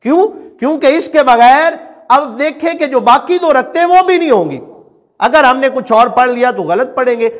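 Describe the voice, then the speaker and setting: A man's voice: very high voice, animated, long reverb tail. A male religious teacher, lecturing and repeating his points, asking the listeners questions and then answering them himself. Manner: repeats and explains points patiently.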